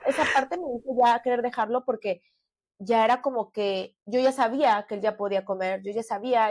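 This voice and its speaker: A Mexican woman co-hosting a podcast tells her story in a sincere, chatty manner, using lots of fillers. Her voice sits at medium pitch, with no room sound in the recording. It's relaxed podcast conversation.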